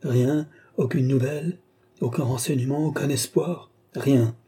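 A man's voice: medium pitch, unhurried, mellow, breathy edge, pitched above the performer's own voice. A man voicing a wounded young nobleman searching desperately for his sister. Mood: despairing.

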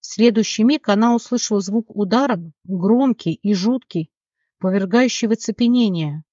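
An audiobook narrator reading a fantasy novel with steady, dramatic storytelling on a dull, dry recording. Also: mid-range voice, moderate pace, no room sound.

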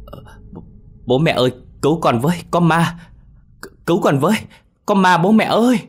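A terrified little village boy, voiced by a male storyteller in a spoken horror tale. He cries out in a high, breathless panic. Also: lively intonation, fairly quick. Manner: panicked screaming.

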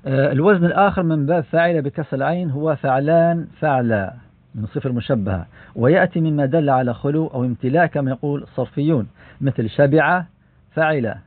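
A man teaching Arabic grammar from a classical book, explaining in a measured way with frequent "aah" fillers and self-corrections. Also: on the high side, dry recording. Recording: dry, tinny phone-like sound.

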